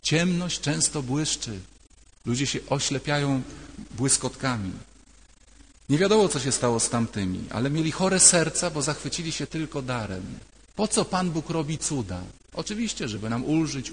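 An older man, a priest, giving a sermon in a conversational, emphatic way and repeating key phrases. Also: mid-range voice. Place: church. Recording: long church reverb.

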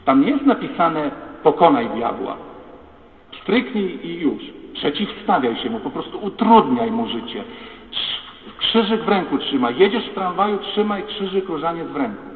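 A priest preaching a sermon, his slightly high voice turning to the congregation with questions and appeals. The sound is tinny and phone-like. It rings with a long echo through a large church hall. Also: very animated, normal speed, far from the mic, a little hiss or hum. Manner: rhetorical, addresses the congregation directly.

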